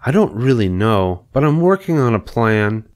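A man voicing a calm, wise female spider in a storybook reading, measured and reassuring. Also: medium pitch, pitched above the performer's own voice, close to an everyday voice. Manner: measured, reassuring, matter-of-fact.

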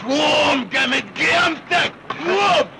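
A gravelly bullying foreman. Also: very high voice, normal speed, heavy background noise. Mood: barking. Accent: Egyptian. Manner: barking, bullying orders. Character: gruff bullying work foreman.

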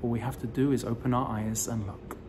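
A man in his forties giving a recorded sermon as a rabbi, telling the story slowly with emphatic rises, filmed close up on a phone indoors. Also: medium pitch, steady tone, noisy background. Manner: slow, deliberate storytelling delivery with emphatic rises. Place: indoors in front of a decorative wall. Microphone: phone or camera close to the face, selfie framing.

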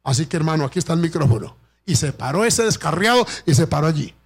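Fervent gravelly-voiced male preacher. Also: on the high side, very animated, fast. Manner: impassioned preaching, rising to fervent prayer. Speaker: pastor. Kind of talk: sermon. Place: church.

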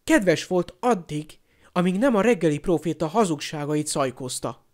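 A man's voice: a little high, a little mellow, natural voice. A man voicing an angry teenage boy wizard who snaps back with raised, sarcastic retorts.

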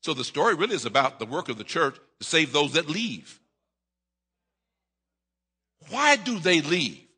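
Animated preacher in a reverberant church. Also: male voice, on the high side, a little fast, slightly rough. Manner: dramatic preaching, acting out voices, stammering repeats, rising to shouts. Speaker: pastor. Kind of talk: preaching a sermon. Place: church sanctuary at a lectern. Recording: long reverb of a church hall.

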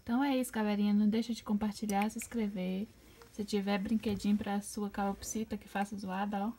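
A woman with a Brazilian Portuguese accent chatting casually in a home video, pointing things out and slipping into high baby talk for her pet bird. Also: level tone, a little fast, dark tone, breathy edge.

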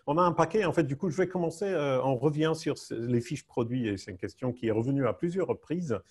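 A man's voice: medium pitch, fairly quick, darkish tone, slightly rough. A man hosting a web seminar, moderating questions with a playful, joking manner over a video call. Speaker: webinar host. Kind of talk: moderating a panel Q&A.

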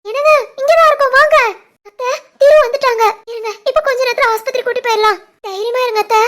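A woman voicing a squeaky, gentle young wife. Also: fairly even intonation, quick pace. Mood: urgent. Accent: Tirunelveli Tamil. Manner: soothing, urgent. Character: gentle young wife consoling her in-laws.

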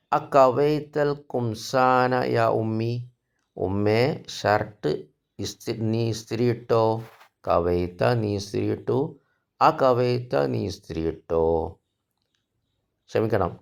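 A man's voice: low voice, gravelly, a little mellow. A male Arabic teacher who reads Arabic phrases aloud one by one and then translates and explains each. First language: Malayalam. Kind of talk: recorded grammar lesson explaining exercises.

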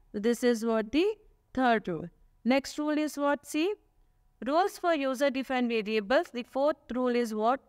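Woman, patient teacher, rhetorical questions, smooth clear voice, dry recording. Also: on the high side, no echo. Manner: explains patiently, asks herself questions, many tag "okay?". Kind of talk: slide lecture. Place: voice-over on slides.

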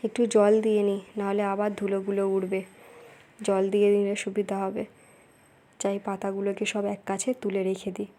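A woman's voice: mid-range voice, monotone, brisk, dark tone. A woman voicing a busy young housewife in a doll-play drama, nagging and scolding the household.

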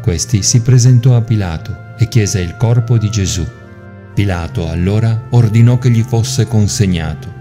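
A priest giving a measured, solemn liturgical scripture reading. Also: male voice, on the low side. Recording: music playing underneath.

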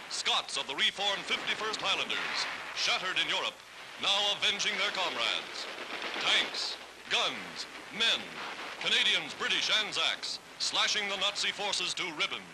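A man's voice: sits high, sing-song, unhurried, heavy background noise. A man narrating an old wartime newsreel in a dramatic, rousing delivery. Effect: old newsreel sound. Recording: old newsreel with music behind.

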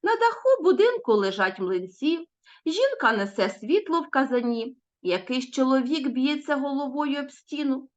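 Expressive woman teaching children, lively pitch. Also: moderate pace, dull audio. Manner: expressive, lilting delivery of quoted proverbs. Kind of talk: recorded online literature lesson for children.

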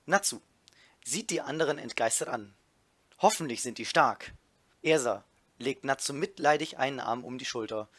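A man reading a fanfiction aloud in a deadpan way, naming each character before their line and adding mocking comments. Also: medium pitch, no echo. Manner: reads character names as tags before lines, dry deadpan delivery. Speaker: reader of a fanfiction riff.

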